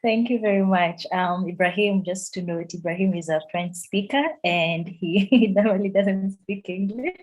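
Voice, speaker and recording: A woman from South Sudan coordinating an online youth network meeting, encouraging and quick to laugh. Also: medium pitch, a little mellow, muffled recording.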